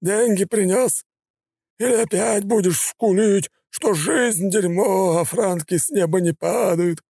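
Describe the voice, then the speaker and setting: A bloated, sneering gangster boss drawls his taunts in a high, slow voice. He sounds smug and cruel. The recording is dry and close. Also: dark tone, breathy edge, no echo, exaggerated voice. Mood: mocking. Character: fat sneering male gangster boss, mocking.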